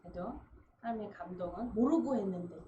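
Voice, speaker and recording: A woman's voice: mid-range voice, fairly quick. A woman pastor giving a Sunday sermon, telling a personal story in a chatty way and putting questions to the congregation. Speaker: pastor, church founder. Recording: roomy, dull, noisy church recording.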